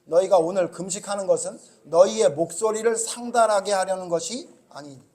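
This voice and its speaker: A male pastor delivers a Sunday sermon in a rather high voice. He peppers the congregation with rhetorical questions and swings from raised, scolding emphasis to low, hushed asides. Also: brisk. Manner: animated preaching, rising loud when scolding, dropping low and quiet.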